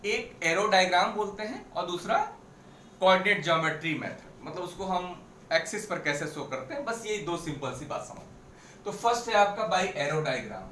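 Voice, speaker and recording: Teaching maths at a blackboard, this man speaks in a high-pitched, sharp tone with big pitch swings at a normal speed. He goes step by step, repeats the key points, and mixes in English phrases. The recording is from a distant mic in an echoey room, with slight background noise.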